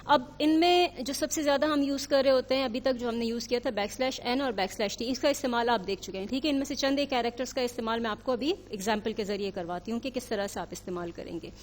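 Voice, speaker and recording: A woman teacher walks through a programming lesson step by step. She keeps checking in with her listeners and mixes English technical terms into her speech. Her voice sits fairly high, with a long reverb trailing behind it. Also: few pauses. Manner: explains step by step, often checking with "theek hai?". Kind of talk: recorded lecture.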